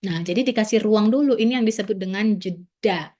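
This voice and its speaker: A woman's voice: medium pitch, brisk. A woman psychologist giving a casual, reassuring seminar talk to parents, often dropping in little filler words as she explains. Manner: chatty, peppers speech with "nah" and "ya"; warm, reassuring teaching tone.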